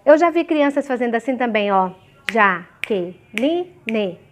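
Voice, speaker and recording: A primary school teacher gives a grammar lesson to young children in a high-pitched, expressive voice, with slight background noise. She works slowly, sounding out example words syllable by syllable, and keeps asking "ok?" and "certo?"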